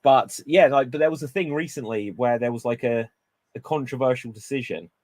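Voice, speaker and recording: A man with a mid-range voice chats in a lively, animated way, building up playful theories as he goes. The recording is dry and close-miked. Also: medium pitch, a little fast, dry recording. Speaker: wrestling show co-host. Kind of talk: casual chat.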